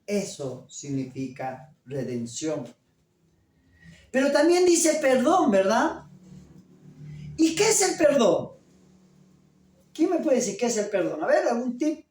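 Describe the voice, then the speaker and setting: A pastor preaching a sermon at a deliberate pace and pausing to put questions to the congregation. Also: mid-range voice, huge pitch swings, darkish tone. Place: church. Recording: echoey church room, voice from a distance.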